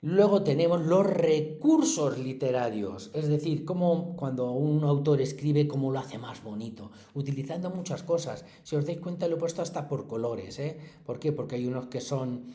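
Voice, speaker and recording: Mellow-voiced Spanish teacher in an echoey room. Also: male voice, a little high, animated, moderate pace, hardly any pauses. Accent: central Spanish (Castilla-La Mancha). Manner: chatty, explanatory, checks in with frequent tags. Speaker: secondary school language teacher. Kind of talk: classroom review lesson.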